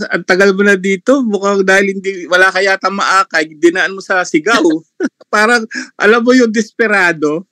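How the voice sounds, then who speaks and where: A man's voice: sits high, pushed and bright, dry recording. A man commenting on a religious debate on an online live panel, mocking and laughing often between remarks.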